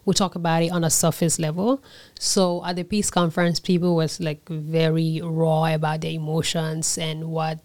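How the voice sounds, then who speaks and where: A woman's voice: low voice, little pitch movement, a little mellow. Woman from Liberia, thoughtful interview guest. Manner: thoughtful, pausing, with fillers and self-corrections. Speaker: interview guest, conference organizer. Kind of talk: casual interview answers.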